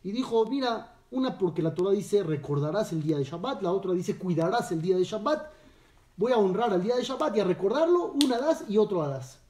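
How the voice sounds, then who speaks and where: A rabbi teaches a Torah lesson, telling the tale and checking in with his listeners through questions. His voice sits high but mellow. He is heard from a distance in an echoey room. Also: animated, a little fast. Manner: storytelling, asks listeners questions.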